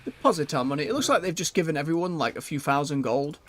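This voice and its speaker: A man's voice: on the high side, animated, fast, fairly bright tone. A man giving casual gameplay commentary as a streamer, chatty and muttering to himself as he goes. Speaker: video game streamer.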